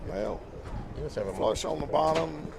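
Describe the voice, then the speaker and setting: A man's voice: a little high, animated, slow, creaky, crowd noise. Analytical male poker co-commentator. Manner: analytical, reads players' intentions.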